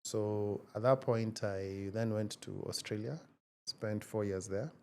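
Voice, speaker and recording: Gravelly low-voiced man, measured. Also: steady tone, darkish tone, slight background noise. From Kenya. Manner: measured and reflective, many hesitations. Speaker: guest, tech founder. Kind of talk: casual interview conversation.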